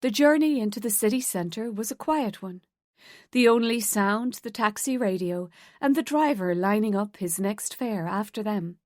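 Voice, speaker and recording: A woman reading an audiobook thriller in a steady, measured way. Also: mid-range voice, dry recording, clean studio sound. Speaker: audiobook narrator. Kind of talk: scripted narration.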